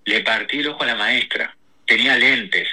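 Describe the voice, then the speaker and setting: A man, a guest telling personal stories in a lively, slangy way with many restarts. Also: mid-range voice, poor audio. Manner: animated, rushes through stories with slang and restarts. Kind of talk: casual personal storytelling.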